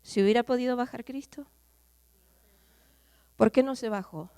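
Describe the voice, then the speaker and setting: A woman preaching a sermon, questioning her listeners directly and swinging from loud outbursts to hushed, near-whispered lines. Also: fairly high pitch, moderate pace, dry recording. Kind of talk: sermon to a congregation.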